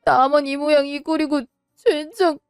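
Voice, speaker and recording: A resentful divorced son, quick to shout and full of grievance, acted by a woman. The voice sits a little high and sounds close and dry. Soft music plays underneath. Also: level tone, dry recording. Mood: bitter. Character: bitter divorced adult son, hot-tempered. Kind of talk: Korean web drama voice acting.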